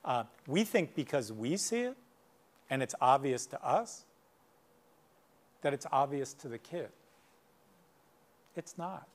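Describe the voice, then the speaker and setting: A man's voice: medium pitch, lively intonation, slow, long pauses. Conversational middle-aged male workshop speaker. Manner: conversational, many asides and anecdotes. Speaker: guest speaker, clinician. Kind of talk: workshop lecture.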